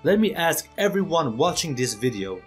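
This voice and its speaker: A man's voice: fairly high pitch, sing-song, moderate pace. Earnest man making his case over faint music. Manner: earnest, persuasive, addresses viewers directly. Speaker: channel host. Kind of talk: opinion video voice-over.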